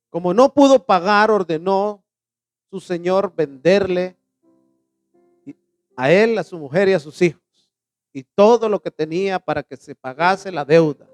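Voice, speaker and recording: A male pastor preaching a sermon in a church, asking the congregation questions and answering them, reading scripture slowly with emphasis. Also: sits high.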